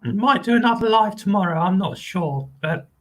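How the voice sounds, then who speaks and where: A man from England hosts his channel's casual live video chat, his high-pitched voice expressive and moving at a moderate pace. He's hesitant and rambling, dropping many ums, restarting, and repeating friendly lines.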